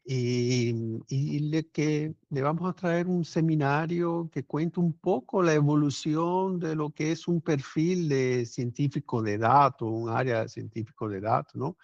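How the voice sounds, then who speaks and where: A man from Cuba with a Cuban accent softened by years in Brazil, a company founder giving a conversational webinar presentation over a remote call, often adding tag questions. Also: a little high, measured pace, hardly any pauses, dry recording, dull audio. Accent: Cuban Spanish softened by years in Brazil. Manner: conversational, frequent tag questions, some restarts. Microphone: remote video call.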